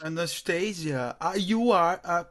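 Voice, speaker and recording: A man's voice: high voice, a little slow, a crowd in the background. A man from Brazil, hosting a casual interview over a video call, eager and chatty, sometimes cutting in. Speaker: interviewer host.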